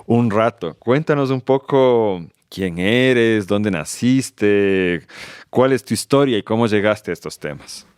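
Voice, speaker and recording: Podcast host, man, deep and smooth voice, unhurried and measured. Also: animated, darkish tone. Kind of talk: podcast interview and announcements.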